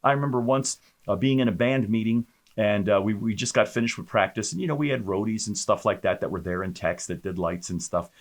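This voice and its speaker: A man, a pastor, telling his personal testimony in an animated storytelling way, with many fillers and restarts. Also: on the low side, a little fast.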